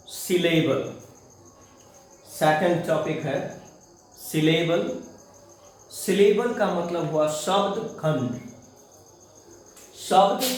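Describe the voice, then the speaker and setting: A man with an Indian accent teaching English grammar, mixing Hindi and English and drawing out his definitions word by word. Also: a little high. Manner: slow, stretches out words when defining. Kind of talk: bilingual grammar lesson. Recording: echoey room, voice from far off.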